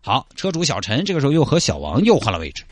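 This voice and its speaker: Lively Sichuan comic storyteller. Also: male voice, mid-range voice, quick pace, no room sound.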